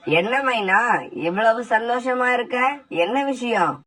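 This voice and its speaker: A woman's voice: a little high, unhurried, a bit bright, poor audio. A woman voicing a kind, trusting young husband bird in a cartoon, with an affectionate, plain-spoken delivery. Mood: cheerful. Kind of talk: cartoon voice acting.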